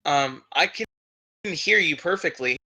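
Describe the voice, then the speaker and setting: A man's voice: a little high, expressive, measured pace, bright, forceful tone. A man playing a tabletop game over a voice call, his voice choppy and cutting out from a bad internet connection, describing his character's moves in the third person. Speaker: player.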